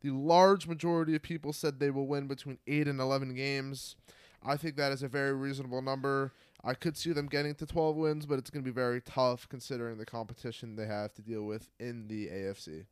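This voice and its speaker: A young man co-hosting a casual sports podcast, talking in a rambling, fairly monotone way with lots of fillers. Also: mid-range voice, brisk, clean tone, no echo. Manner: rambling, self-described monotone delivery with many fillers. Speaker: podcast co-host.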